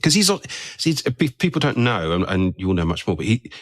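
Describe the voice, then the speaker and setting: Male podcast host, very deep voice, dry close sound, chatty with lots of tag questions. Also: big pitch swings, normal speed, no echo. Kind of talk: casual interview chat.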